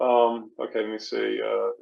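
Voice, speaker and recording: A man's voice: on the low side, big pitch swings, normal speed, vocal fry, muffled recording. A man giving plain, explanatory finance remarks over a video call.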